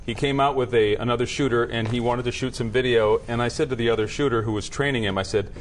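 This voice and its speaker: Mature American male TV colleague, average pitch, telling stories informally, faint noise behind. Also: fairly even intonation, fast, poor audio. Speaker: TV station colleague. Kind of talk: casual reminiscence on air.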